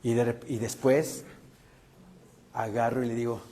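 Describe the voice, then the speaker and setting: A male pastor preaching a sermon, animated and acting out the voices he quotes. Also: medium pitch, a little slow.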